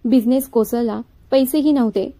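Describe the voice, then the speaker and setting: A woman narrating a dramatic story in a measured, even storytelling manner. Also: a little high.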